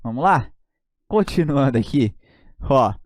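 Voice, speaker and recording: A Brazilian man teaches grammar online in a lively, joking way, checking in with his students again and again. His voice sits at a middle pitch for a man. The sound is dry and close. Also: a little slow, no room sound. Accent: Brazilian Portuguese.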